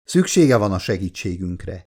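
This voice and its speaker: A man's voice: sits low, big pitch swings, mellow. A man reading an audiobook, voicing a nervous, loyal male pilot who talks tensely but politely. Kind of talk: audiobook character voice.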